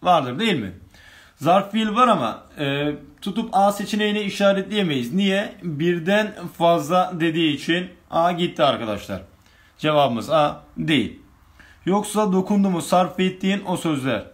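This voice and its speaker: A man's voice: on the high side, animated, moderate pace. A male teacher running an online grammar lesson, reading exam questions aloud and working through each answer step by step with his students.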